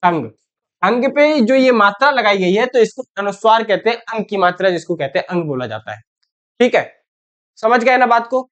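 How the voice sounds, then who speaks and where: A woman's voice: mid-range voice, expressive, a little fast. A woman teaching a Hindi spelling lesson to ninth graders. She keeps asking her pupils questions, says "theek hai" again and again, and calls them "beta". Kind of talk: online class lesson for 9th graders.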